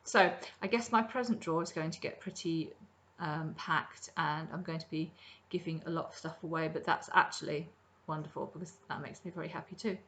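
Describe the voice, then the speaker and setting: A middle-aged woman hosts a crafting podcast from her home kitchen, chatting casually about her projects in a rambling show-and-tell style full of ums. Her voice sits low with a fairly bright tone, and she talks fairly quickly with hardly any pauses.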